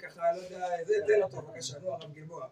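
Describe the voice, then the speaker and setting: A man leading an interactive lesson on Torah cantillation, briskly urging participants to read on. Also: fairly high pitch, steady tone, over a noisy crowd. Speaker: teacher of Torah reading to teachers. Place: classroom or hall with group. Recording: echoey room, far from mic.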